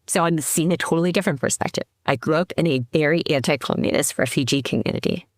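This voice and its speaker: Low-pitched and quick, this middle-aged company CEO from the Seattle area in the United States talks as a podcast guest in a casual interview. She tells her story reflectively, with frequent restarts and fillers, and the recording is dry with clean studio sound.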